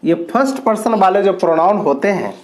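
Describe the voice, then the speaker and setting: A man teaching an English grammar lesson, explaining slowly with drawn-out words and repeated points. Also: high-pitched, lively intonation.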